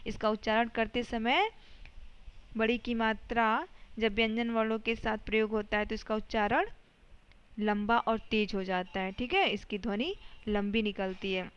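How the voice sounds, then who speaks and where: A woman teacher giving a slow, patient lesson to young children, sounding out syllables and words one by one. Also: medium pitch, fairly bright tone, clean tone, muffled recording.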